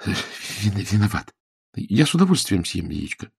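A man's voice: deep voice, very animated, moderate pace, darkish tone, husky, no echo, studio quality, heavily acted. A man voicing a sulky cornered young man. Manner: reluctant, mumbling. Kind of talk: audiobook character voice.

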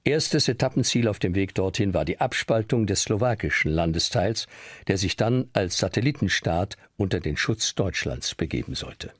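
Low-voiced male documentary narrator, dry sound. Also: animated, normal speed, slightly rough, dry recording.

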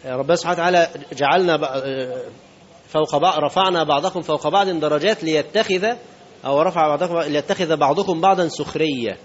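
A man's voice: fairly high pitch, quick pace, lo-fi sound, a little hiss or hum. A man preaching a sermon in Egyptian Arabic, speaking conversationally and asking his listeners rhetorical questions. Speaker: sheikh.

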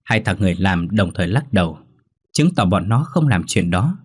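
Husky-voiced man telling a ghost story. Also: deep voice, sing-song, normal speed, no echo, studio quality.

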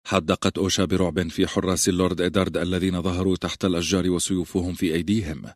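A man reading a novel aloud as an audiobook narrator, with steady storytelling. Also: sits low, rapid-fire, no room sound, studio quality. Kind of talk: scripted narration.

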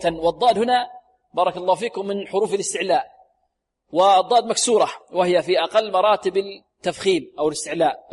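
A man teaching Quran recitation on the radio, stretching words slowly to demonstrate sounds and then explaining briskly. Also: high voice, breathy edge, big-room sound. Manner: slow drawn-out demonstration of sounds, repeats words; brisk explanations between examples. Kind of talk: tajweed lesson on radio. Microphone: recorded for radio.

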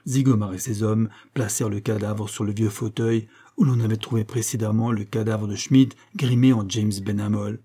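A man narrating an adventure novel as an audiobook reader, in a measured storytelling way. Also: lowish voice, fairly even intonation, warm tone, husky. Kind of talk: scripted narration.

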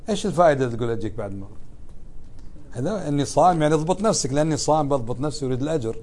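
A man's voice: fairly high pitch, very fast, darkish tone. Man giving a religious lesson, questioning students. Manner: asks students questions and answers them, conversational. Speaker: sheikh teaching a lesson. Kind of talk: classroom religious lesson explaining a text.

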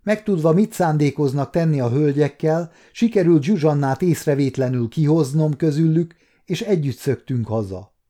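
A man's voice: a little high, warm tone, close to an everyday voice. A man reading an audiobook, voicing a brave, earnest young page who speaks formally.

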